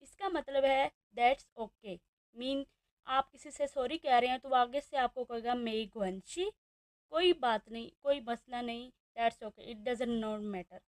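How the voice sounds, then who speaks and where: High-voiced woman teaching, slow repeats. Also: no room sound. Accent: Pakistani Urdu. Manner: slow, repeats each word several times. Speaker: Chinese language teacher. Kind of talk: beginner language lesson.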